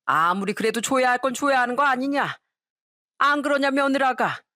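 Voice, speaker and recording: A woman's voice: high-pitched, expressive, normal speed, sharp tone, no echo, clean studio sound, voice pushed up. A woman playing a drunk, scolding old father-in-law. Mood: tipsy grumbling. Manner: slurred, rambling, scolding. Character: drunk, blunt older father-in-law, gruff. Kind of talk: storytelling radio voice acting.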